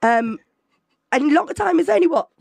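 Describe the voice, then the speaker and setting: A woman's voice: high voice, expressive, normal speed, gravelly, darkish tone, dry recording. A woman hosting a live radio interview, upbeat and gushing, hyping up her guest in a studio. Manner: upbeat, gushing, hypes things up. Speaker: radio presenter.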